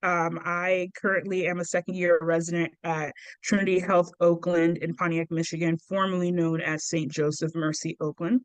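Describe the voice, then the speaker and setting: A woman's voice: lowish voice, little pitch movement, moderate pace, smooth, no room sound, poor audio. A woman resident born in Nigeria and raised in South Florida, introducing herself over a video call in a candid, informal way. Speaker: second-year resident.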